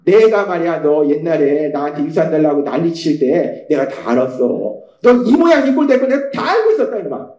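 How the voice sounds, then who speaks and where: A man playing an angry father who berates his wayward son, shouting and scolding. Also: fairly high pitch, big pitch swings, fairly quick, few pauses, a little hiss or hum. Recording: echoey church hall.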